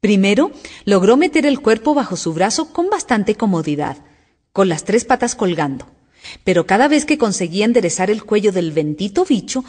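A woman narrating a children's storybook aloud in an expressive storytelling manner. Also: mid-range voice. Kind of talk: audiobook storytelling.

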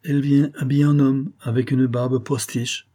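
A man's voice: medium pitch, little pitch movement, normal speed, mellow, voice pushed up, natural voice. A man reading an audiobook and voicing a sly impostor posing as a surgeon, speaking with false candor. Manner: smooth, falsely candid.

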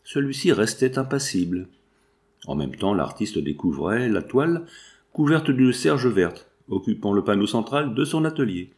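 A man narrating a nineteenth-century novel as an audiobook, in an even literary storytelling manner. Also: on the low side, moderate pace. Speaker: audiobook reader.

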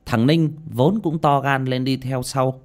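A man's voice: a little slow, darkish tone. A man narrating a horror story in a dramatic, scripted way. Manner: dramatic, with sudden pitch swings. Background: faint music.

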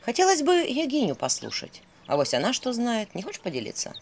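A woman's voice: fairly high pitch, huge pitch swings, fairly quick, pitched above the performer's own voice, heavily acted. A woman voicing a stern, bossy male owl familiar who speaks curtly and with threats. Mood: prodding. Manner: curt, snorting, threatening.

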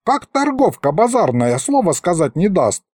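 A man's voice: fairly high pitch, sing-song, unhurried, dry recording, clean studio sound. Man putting on a cranky old ghost wizard. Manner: cranky, shouting, folksy old sayings. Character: grumpy old male ghost wizard, quarrelsome.

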